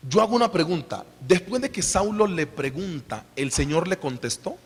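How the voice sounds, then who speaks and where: A Colombian man in his thirties delivers a church sermon in a talky, animated manner and keeps putting questions to the people in front of him. His voice sits high and leaps up and down all over. A long reverb from the church hall trails after each phrase. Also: normal speed, slightly rough. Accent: Colombian Spanish. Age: 30s. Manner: animated, conversational, asks the listeners questions. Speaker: preacher.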